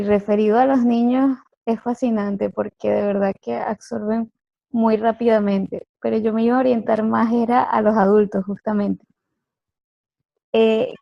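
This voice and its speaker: A woman speaks slowly and thoughtfully in a casual chat. Her voice is gravelly and mellow, and it sits a little high. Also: dull audio. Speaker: participant.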